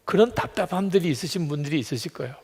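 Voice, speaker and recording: A male pastor preaching a sermon, telling stories with animated swings between loud emphasis and hushed asides. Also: a little high, very fast, husky. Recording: long reverb of a large hall.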